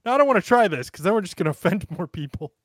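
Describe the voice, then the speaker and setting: Racing along in a high-pitched, animated voice, an American podcast co-host jokes through casual chat and reels off sports names. The sound is dry and studio quality.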